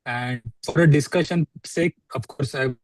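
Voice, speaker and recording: A man speaking as a doctor on an online panel, his voice breaking up and going distant over a poor network connection. He talks in a halting way, with fillers, and the line is dry and close despite the drop-outs. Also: mid-range voice, no room sound. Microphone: video call.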